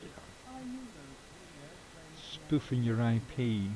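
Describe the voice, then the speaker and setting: Middle-aged streamer, mellow tone, rambling and offhand, swears casually. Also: male voice, mid-range voice, drawn-out words, low-quality recording. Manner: rambling, swears casually, chuckles at own jokes. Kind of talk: casual live-stream chat while gaming.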